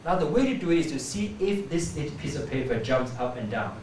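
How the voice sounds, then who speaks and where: A man teaching pronunciation, explaining each sound and slowly repeating example words to demonstrate it. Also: mid-range voice, big pitch swings, a little mellow. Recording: echoey room, voice from a distance, faint background hum.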